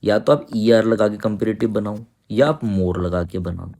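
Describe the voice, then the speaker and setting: Guy teaching grammar, low gravelly voice, mellow tone, reads english lines slow. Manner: explains patiently, keeps asking "ठीक है?" to check understanding; reads English sentences slowly and deliberately. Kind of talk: exam-prep grammar lesson.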